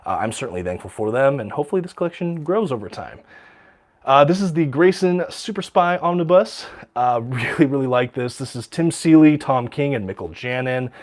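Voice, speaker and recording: A man's voice: medium pitch, expressive, a little fast. Casting: man, livestream host, enthusiastic and chatty, slightly stuffy and short of breath. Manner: enthusiastic, many ums and uhs, reads out viewer questions. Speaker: livestream host showing his comic collection. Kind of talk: casual livestream chat.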